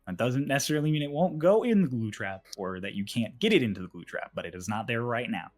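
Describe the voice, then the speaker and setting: A man's voice: mid-range voice, animated, fast talker, darkish tone. A man acting as game master, narrating a tabletop game in a conversational, descriptive way.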